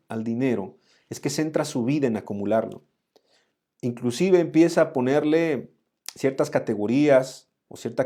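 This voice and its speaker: A man leading a Bible study in an earnest, direct way, talking to the listener as "you". His voice is mellow and warm, sitting at an ordinary middle pitch. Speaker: Bible teacher.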